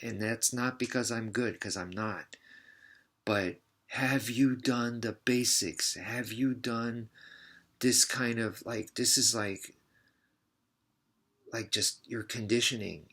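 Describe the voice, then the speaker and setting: A man's voice: medium pitch, a bit bright. A male martial arts instructor telling a personal story in a casual, rambling way, mocking himself and repeating words for emphasis.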